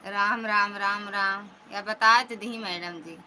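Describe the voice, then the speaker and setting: A woman's voice: mid-range voice, steady tone, slow, bright, forceful tone, slight background noise, rough recording. A woman with an Awadhi accent, hosting a casual live stream on her phone, chatting and answering viewer comments. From Uttar Pradesh, India.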